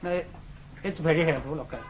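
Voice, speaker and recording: A man's voice: a little high, fairly quick. A man from Assam with an Indian English accent, Assamese his first language, explaining points in a lecturing, emphatic way and often adding "okay". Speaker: interviewee, English learner. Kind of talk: casual conversation. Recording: muffled with faint noise.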